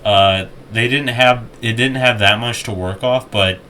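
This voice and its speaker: A man's voice: mid-range voice, measured pace, bright, forceful tone, slight background noise. A young man chatting casually while ranking game tracks, rambling with lots of restarts and jokey asides. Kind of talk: casual gaming chat.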